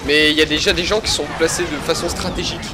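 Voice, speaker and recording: A young man co-hosting casual gameplay commentary, animated and self-mocking. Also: on the high side, rapid-fire, background noise. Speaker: co-host. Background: game music.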